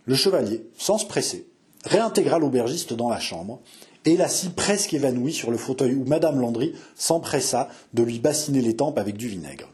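A man narrating a historical novel as an expressive, theatrical reading. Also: medium pitch, normal speed. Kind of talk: scripted audiobook narration.

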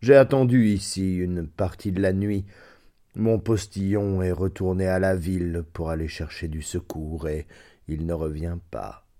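A man voicing a cold, scornful stranger who speaks slowly and mockingly in a storybook reading. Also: sits low, steady tone, warm tone.

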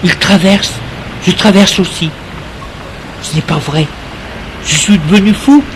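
A man reading a first-person story aloud in a slow, intimate, tense way. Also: sits high, background noise.

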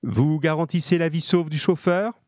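A man's voice: on the high side, moderate pace, darkish tone, no room sound, muffled recording, pitched above the performer's own voice, close to an everyday voice. A man voicing a male royal gendarme who negotiates in a formal, insistent way. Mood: wary.

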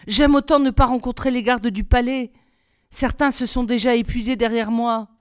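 A woman reading aloud, voicing a feisty, impatient young girl who scolds and urges in a sharp, raised voice. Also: a little high, fairly even intonation, normal speed, smooth, natural voice. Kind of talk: storybook reading.

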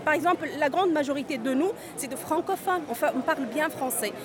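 A Tunisian woman in her forties, an undocumented migrant, is interviewed at a street march, with crowd noise filling the outdoor recording. Her voice is high-pitched and a little fast, and she speaks earnestly, often repeating and restarting words.

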